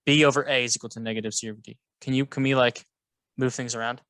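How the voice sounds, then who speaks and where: A man's voice: medium pitch, fairly even intonation, fast talker, fairly bright tone, smooth, no echo. A man teaching math alongside a colleague, playful and jokey, guiding with questions. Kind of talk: co-teaching a lesson, casual banter.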